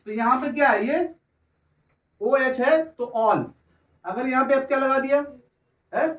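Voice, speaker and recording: Heard from a distance in an echoey classroom, a male chemistry teacher lectures in a very high, unhurried, somewhat bright voice. He stretches out words and keeps checking if the students understand.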